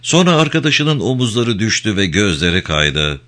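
A male audiobook narrator giving a dramatic, expressive reading. His voice sits low but sounds bright, and his pitch moves a lot as the tension builds. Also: moderate pace. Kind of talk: scripted narration.

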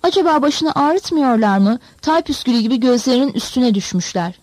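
A woman narrating a novel in a measured, expressive storytelling manner. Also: high-pitched, no room sound. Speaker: audiobook narrator.

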